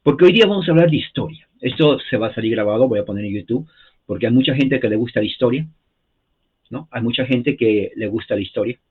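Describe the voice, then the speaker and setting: A history teacher living in the United States talks fast in a mid-range, slightly rough voice, heard through tinny, phone-like audio. His informal lesson is chatty, full of repetition and frequent check-ins with his listeners.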